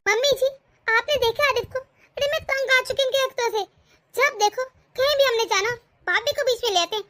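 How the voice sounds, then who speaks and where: A woman voicing a jealous, sharp-tongued young wife who complains indignantly in a cartoon story. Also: extremely high pitch, no echo, clean studio sound. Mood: complaining. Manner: complaining, indignant, quick to snap.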